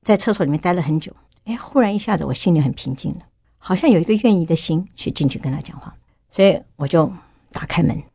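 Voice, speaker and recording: Middle-aged woman guest, low-pitched and quick, earnest testimony. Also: lively intonation, dark tone, breathy edge, no room sound. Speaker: guest sharing her testimony. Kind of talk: personal faith testimony.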